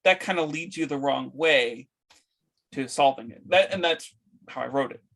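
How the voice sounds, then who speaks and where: A man who ran a tabletop game, talking it over casually in a group discussion, halting with many restarts. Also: mid-range voice, gravelly, a bit bright. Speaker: game master.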